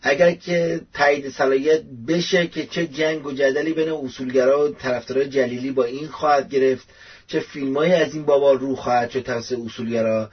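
A man's voice: mid-range voice, fairly even intonation, breathy edge. A man hosting his own commentary show, talking casually and rambling with many fillers. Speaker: youtube show host. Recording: dull lo-fi audio.

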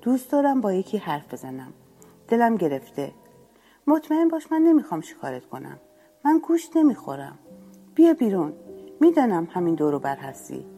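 A woman voicing a lonely, gentle male eagle who coaxes and reassures as he pleads for a friend in a storybook tale. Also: mid-range voice, sing-song, faint music behind, pitched above the performer's own voice. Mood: pleading. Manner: coaxing, reassuring.

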